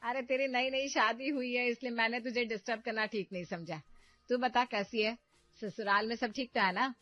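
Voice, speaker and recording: A woman voicing a domineering, scheming middle-aged mother in a cartoon story, loud and scolding. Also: fairly high pitch, steady tone, moderate pace, no echo, muffled recording, faint music behind, close to an everyday voice. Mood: sweetly scheming.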